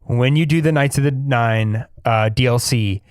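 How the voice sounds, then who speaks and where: A man co-hosting a casual podcast, excitable, often trailing off and restarting his sentences. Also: mid-range voice, normal speed, no echo, clean studio sound. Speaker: podcast co-host. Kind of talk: casual chat.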